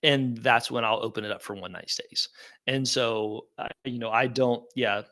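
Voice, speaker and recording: A man in middle age talks through a live webinar in an easygoing, upbeat way, leaning on fillers and asides as he answers questions. His voice is bright and forward, sitting at an ordinary male pitch. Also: fairly even intonation, normal speed. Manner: casual, upbeat, conversational with fillers. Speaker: webinar presenter.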